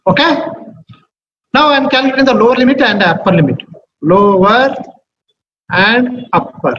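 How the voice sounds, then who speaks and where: High-pitched man with a Telugu accent, teaching. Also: expressive, moderate pace, fairly bright tone. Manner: repeats himself, checks understanding with short questions. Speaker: statistics teacher. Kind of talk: interactive lecture. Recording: muffled, echoey, noisy room recording.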